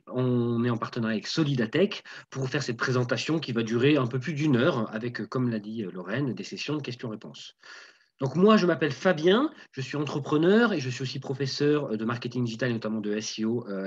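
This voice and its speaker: A man's voice: mid-range voice, brisk, husky. A man co-presenting a webinar, upbeat and welcoming, speaking over a remote video call. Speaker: webinar co-presenter, marketing teacher. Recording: dull lo-fi video call audio.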